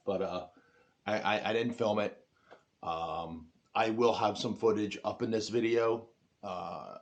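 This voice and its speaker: Man, deep register, loose rambling delivery full of fillers and restarts, casual to-camera review. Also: darkish tone. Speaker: ATV owner reviewing a product.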